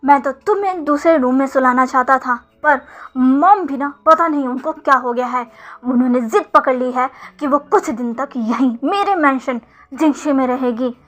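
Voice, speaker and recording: A woman's voice: high-pitched, moderate pace, fairly bright tone. Woman doing an arrogant cold rich guy, bossy and short, storybook. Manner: curt and commanding.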